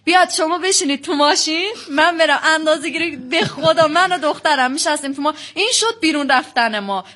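Young woman, high bright voice, tells her story in long fast runs. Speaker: guest on a counseling show. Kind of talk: emotional personal account.

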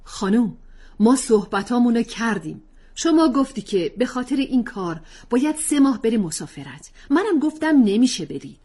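A woman reading a story aloud, voicing an angry middle-aged father who shouts at his wife at dinner. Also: a little high, very animated, husky, pitched above the performer's own voice.

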